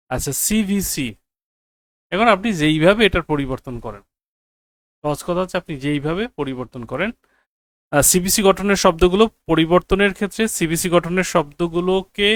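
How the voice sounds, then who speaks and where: An English teacher, a man with a fairly high voice, lectures on grammar a little louder than normal. He repeats key phrases for emphasis and quizzes his students with rhetorical checks to make sure they follow. The recording is close and dry, with no room echo.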